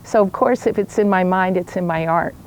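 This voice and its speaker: A woman's voice: on the low side, fairly quick, darkish tone, poor audio. An older woman talking informally to camera outdoors in a backyard, addressing viewers in a chatty, welcoming way as an artist presenting work. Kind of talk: informal video talk to camera about own artwork.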